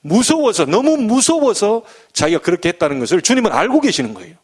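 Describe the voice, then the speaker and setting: A middle-aged man preaching a sermon as a pastor, animated and acting out the voices he quotes. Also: sits high, fast talker, breathy edge.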